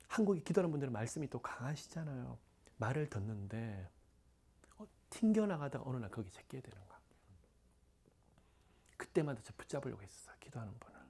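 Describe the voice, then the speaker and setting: In this sermon, a middle-aged man with a mid-range, darkish voice preaches conversationally, sprinkling in asides. Again and again he lowers his delivery to breathy whispers.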